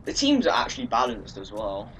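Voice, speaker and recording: A man's voice: mid-range voice, wildly swooping pitch, brisk, a crowd in the background. A young man chatting and cursing casually while playing a shooter with a friend. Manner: casual, swearing, laughing commentary. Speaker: gamer, channel owner. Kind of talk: profane gaming banter. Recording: voice chat over game sounds.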